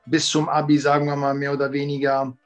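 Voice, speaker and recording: Rambling middle-aged man, fairly high voice. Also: completely flat delivery, brisk, faint music behind. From Italy and Germany. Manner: rambling, many fillers and restarts. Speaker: kung fu teacher, guest. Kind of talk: casual interview talk.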